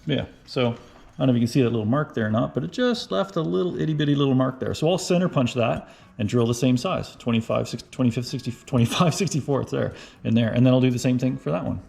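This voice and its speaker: A man casually narrating his car fabrication work as he goes, thinking out loud and often checking in with "right?". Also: mid-range voice, fast, vocal fry. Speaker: car restoration vlogger. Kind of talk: casual how-to narration while working.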